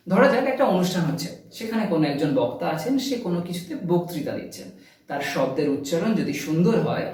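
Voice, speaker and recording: High-voiced Bengali teacher in a boomy room. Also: male voice, darkish tone, recorded from a distance. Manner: slow, stressed English phrases mixed with quick Bengali explanations. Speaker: English teacher. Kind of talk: spoken English lesson on video. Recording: very echoey room, voice set back from the mic.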